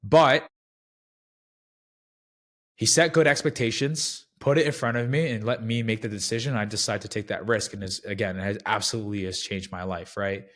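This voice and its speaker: A man's voice: fairly low pitch, fairly even intonation, normal speed, a bit bright. A man in his twenties, a guest on a sales podcast, talking casually and rambling with many restarts.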